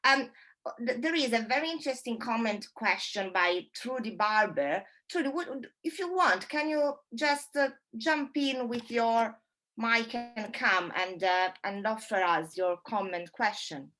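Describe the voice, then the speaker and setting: A woman moderating an online panel discussion over a video call, speaking thoughtfully and haltingly with many fillers. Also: a little high, lively intonation, pushed and bright.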